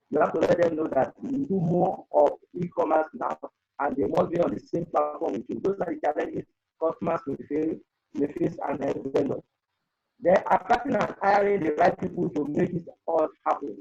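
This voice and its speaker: A man with a high, gravelly voice that is a little mellow and slightly rough, captured in lo-fi sound. He is a webinar panelist on data protection, giving earnest advice on a video call through an earphone mic and repeating himself. The online conference call keeps breaking up.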